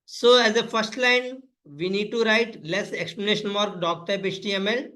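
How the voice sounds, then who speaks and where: This man, an instructor with an Indian accent, teaches coding one step at a time, repeating himself and addressing his audience as friends. He has a high, bright voice with a forceful push, delivered at a moderate pace.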